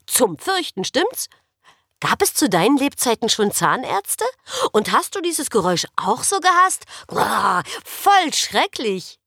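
An outspoken, bubbly girl who chatters without pause, her voice pitched high and swooping lively from word to word, as a woman reads her out. The sound is dry and close, with no room around it. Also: gravelly, dry recording, heavily acted. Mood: teasing. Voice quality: bright, chattering, excitable. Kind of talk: audiobook character voice.

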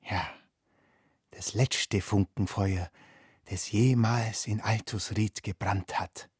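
A man voicing a secretive, commanding old village woman who speaks in a hushed, urgent voice. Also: lowish voice, steady tone, takes it slowly, husky, no room sound, clean studio sound, voice pushed up, full character voice. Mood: grim.

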